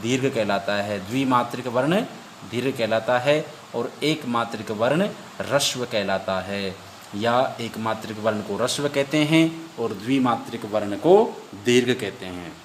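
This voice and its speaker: A man teaching an exam-prep lesson. He recites verses slowly and repeats each point as a question he then answers. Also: medium pitch, slight background noise.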